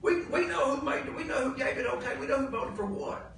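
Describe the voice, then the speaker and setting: A county commissioner with a Southern US accent speaks heatedly at a public meeting, blunt, folksy and exasperated, repeating points for emphasis. His voice is very high-pitched, quick, creaky and a bit bright. A distant mic picks him up in a noisy, very echoey indoor meeting room.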